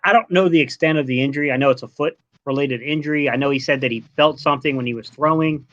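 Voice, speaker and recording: A man in his late thirties from Delaware, a guest in a casual sports podcast chat, relaxed and rambling, dropping "man" often. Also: mid-range voice, fast. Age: 30s. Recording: dull lo-fi online call audio.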